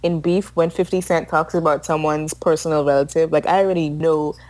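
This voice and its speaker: A woman's voice: sits low, steady tone, a little fast, a little mellow, no echo, poor audio. A woman co-hosting a casual podcast chat, opinionated, swearing freely and often laughing as she talks. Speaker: podcast co-host.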